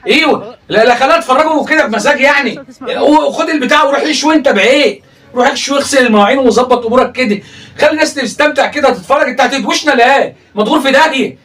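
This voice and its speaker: A man's voice: very high-pitched, rapid-fire, fairly bright tone, recorded from a distance. A man with an Egyptian accent doing comic commentary on clips, teasing and laughing often. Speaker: comedy commentator reacting to clips.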